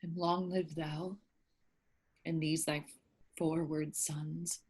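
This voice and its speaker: A woman playing a meek, sorrowful, gentle king in a Shakespearean verse drama, with a husky voice. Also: sits low, little pitch movement, slow pace, full character voice. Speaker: actor in staged reading.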